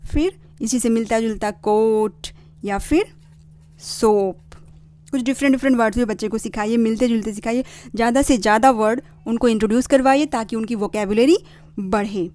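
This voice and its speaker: A woman hosting a parenting channel, slowly and patiently explaining reading rules to parents and sounding out words. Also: a little high, darkish tone. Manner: slow and patient, spelling out sounds. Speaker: parenting channel host teaching phonics.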